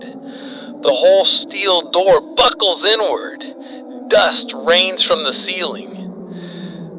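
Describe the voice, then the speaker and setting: A man with a slightly high voice narrates scripted horror gravely and dramatically, in clipped, halting phrases broken by heavy pauses. Background noise is audible.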